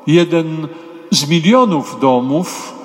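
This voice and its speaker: A man preaching a sermon in a church, speaking in short, measured, solemn phrases that sometimes lift into a half-chant. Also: on the high side, lively intonation. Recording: long church reverb.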